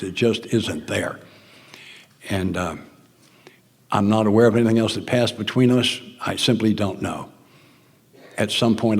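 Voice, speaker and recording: An older man with a Southern American accent speaks earnestly and plainly, his voice gravelly and husky, sometimes sinking almost to a whisper. He is giving a personal talk at a recovery meeting, and his words ring out with the long reverb of a hall. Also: fairly low pitch. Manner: earnest, plainspoken storytelling, often dropping to a near whisper.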